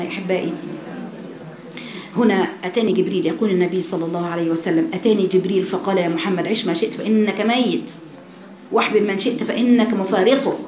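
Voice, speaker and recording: Egyptian woman religious teacher, fast and animated lesson, roomy echo. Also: medium pitch. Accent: Egyptian Arabic. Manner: animated, addresses listeners directly.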